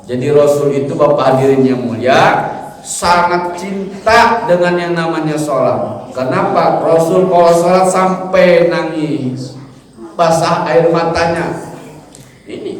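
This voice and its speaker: Joking preacher in an echoey mosque. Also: male voice, on the high side. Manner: humorous, animated, mimics chanting and gossip. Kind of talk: mosque study sermon. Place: large mosque hall. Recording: echoey hall, mic from far off.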